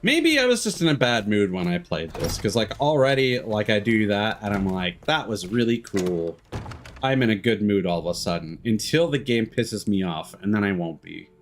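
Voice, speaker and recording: A man with a lowish voice and big swings in pitch talks at a normal speed over a faint hiss or hum. As a game streamer he offers candid, sweary, self-deprecating chat and gameplay commentary, thinking things through out loud.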